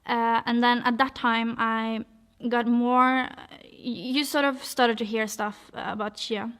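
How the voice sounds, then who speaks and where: Young woman from Norway, personal testimony, hesitant and halting, fairly high voice with an even, flat contour. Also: smooth. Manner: hesitant, many fillers and restarts. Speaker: vlog speaker telling her story.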